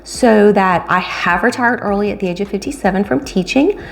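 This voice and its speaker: A retirement vlogger and coach in her late fifties talks casually to camera from a room in her home. Her mid-range voice has a creaky quality, and she's chatty and animated, speeding through asides and slowing down on key phrases.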